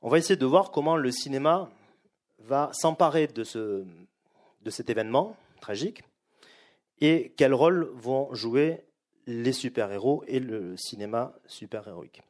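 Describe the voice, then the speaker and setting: Lecturing publicly before a live audience, this middle-aged man speaks in a medium-pitched, expressive, slightly mellow voice. He explains carefully but hesitantly, often pausing and starting over.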